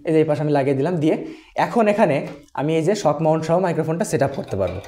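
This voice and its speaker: A man's voice: on the high side, animated, rapid-fire, mellow. A man explaining a microphone setup and sound test to his viewers, recorded on a desk microphone. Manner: explanatory, addresses viewers directly. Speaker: tech reviewer. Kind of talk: product review and sound test. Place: at a desk indoors. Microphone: desk USB dynamic microphone on an arm stand.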